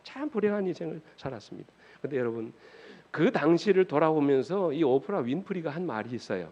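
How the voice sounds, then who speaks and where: A man preaching in a church, his voice sitting a little higher than most men's. He keeps turning to the congregation with rhetorical questions and moves between quiet, hushed passages and louder emphatic ones. The recording sounds dull and lo-fi, with the top end muffled. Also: expressive, a little fast. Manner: dramatic swings between hushed and raised delivery. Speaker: pastor. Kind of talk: sermon. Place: church sanctuary.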